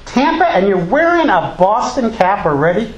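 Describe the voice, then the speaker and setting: A man's voice: high-pitched, very animated, moderate pace, crowd noise. A male college teacher talking informally and teasing his class with jokes. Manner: jokey, teasing. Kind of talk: informal lecture and class banter. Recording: echoey room with background noise.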